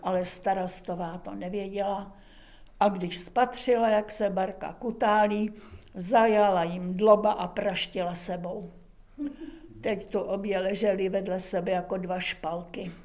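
A woman narrating a humorous folk tale in a lively, expressive reading with dramatic pauses. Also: medium pitch. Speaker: storyteller.

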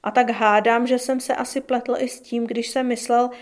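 A troubled young man in a spoken audiobook, guarded and terse, as a woman narrator reads him. His lines come quietly and without fuss, in a fairly high, light voice. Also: little pitch movement, close to an everyday voice.

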